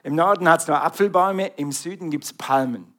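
Man, Swiss German accent, middle-aged, preacher, lively sermon, raised pitch. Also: moderate pace. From Switzerland. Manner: animated, calls out to the congregation.

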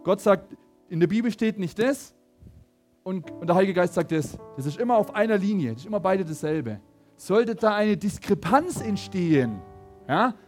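Animated, expressive male preacher. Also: high-pitched, normal speed, soft background music. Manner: animated, stammering restarts, addresses the audience directly. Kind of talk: sermon with personal storytelling.

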